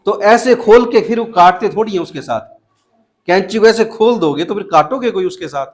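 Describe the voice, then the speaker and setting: Brisk and animated, a young man with a high-pitched voice runs a math class for children in a mix of Hindi and English. He keeps repeating questions, coaxing the class to respond.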